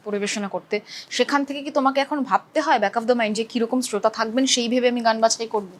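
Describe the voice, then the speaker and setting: A woman interviewer asking familiar, halting questions with many fillers. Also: a little high, fairly even intonation. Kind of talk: casual interview.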